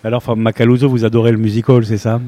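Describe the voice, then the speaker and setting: A man's voice: medium pitch, level tone, racing, mellow. A man interviewing a performer, asking teasing, jokey questions in casual chat.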